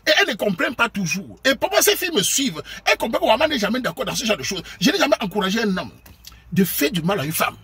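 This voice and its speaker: Husky, fast-talking Cameroonian man lecturing. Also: sits high, sing-song. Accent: Cameroonian French. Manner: preachy, emphatic, scolding, bursts into shouting. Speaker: online commentator. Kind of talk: lecturing monologue to viewers.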